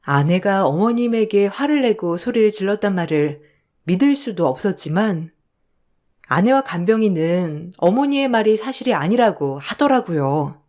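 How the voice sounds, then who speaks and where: A woman tells a first-person story as a radio-style narration, speaking reflectively and from the heart. Her pitch moves widely and expressively as she reads. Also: expressive, normal speed, darkish tone.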